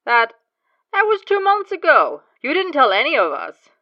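A woman voicing a blunt young man, loud and incredulous, in a fan story read aloud. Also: lowish voice, lively intonation, moderate pace, no room sound, dull audio.

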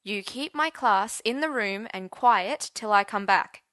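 A woman's voice: mid-range voice, a little slow, fairly bright tone, no room sound, natural voice. A woman voicing a young male teacher who speaks bluntly and with heated indignation. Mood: firm. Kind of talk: audiobook character voice.

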